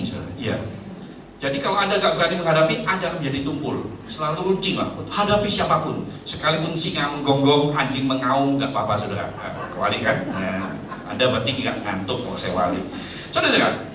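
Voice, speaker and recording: A man preaching a humorous church sermon, joking and swinging between loud and low. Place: church hall. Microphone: handheld mic with battery trouble. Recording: echoey hall, mic far off, noisy.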